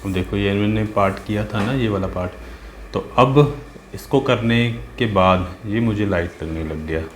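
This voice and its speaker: A man's voice: on the low side, normal speed, a little hiss or hum. A man giving a casual, patient step-by-step drawing lesson as an art teacher, often checking in with the viewer as he works. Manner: patient, talks while working, asks "है ना?" and "ठीक है?" often. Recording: roomy with faint ambience.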